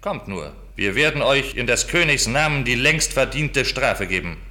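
A stern, curt ship's captain. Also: male voice, mid-range voice, expressive, normal speed, sharp tone. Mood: stern refusal. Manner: curt, cold, contemptuous. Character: stern, proud male ship's captain, loyal to his king. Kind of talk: radio play acting.

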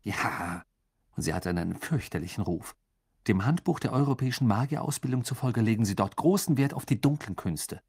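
A man voicing a clever know-it-all schoolgirl who explains things briskly. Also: on the low side, expressive, a little mellow, husky. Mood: indignant. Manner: brisk and lecturing.

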